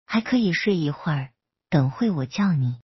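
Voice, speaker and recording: A woman voicing a gentle, devoted young male senior student in a read-aloud story. She speaks softly and tenderly. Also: deep voice, lively intonation, moderate pace, breathy edge, no room sound, muffled recording, heavily acted.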